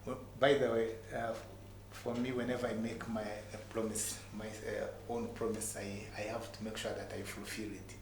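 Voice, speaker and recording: Man, Ugandan accent, low-pitched, motivational storyteller, halting emphatic repetition, reverberant room, noticeable background noise. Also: little pitch movement. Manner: halting, repeats words for emphasis. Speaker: entrepreneur guest telling his story. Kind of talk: motivational personal storytelling in an interview.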